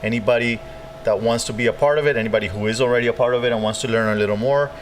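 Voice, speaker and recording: A man's voice: medium pitch, fairly even intonation, rapid-fire, a little hiss or hum. Rambling male podcast host. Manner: rambling, many restarts and "you know". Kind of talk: casual podcast interview. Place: nightclub.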